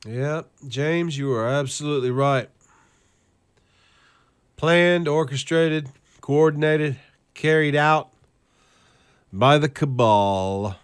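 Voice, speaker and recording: Guy doing angry sarcastic commentary, swears a lot, talks slow and drawn out. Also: on the high side, clean tone. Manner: profane, scornful and sarcastic; reads out lists in a flat, steady cadence. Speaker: host of a current-events video channel. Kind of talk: ranting commentary over clips.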